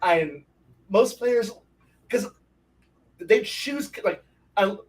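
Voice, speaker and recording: High-voiced man telling gory game tales. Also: drawn-out words, distant mic, rough recording. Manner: animated, profane storytelling with vivid gory detail. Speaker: game master on a discussion panel. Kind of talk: casual panel discussion.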